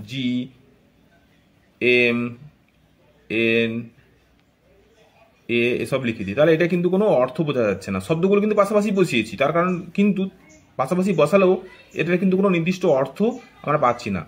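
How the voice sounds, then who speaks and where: A man teaching English grammar to learners in Bengali, explaining step by step and checking often that they follow. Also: fairly high pitch. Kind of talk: classroom grammar lesson.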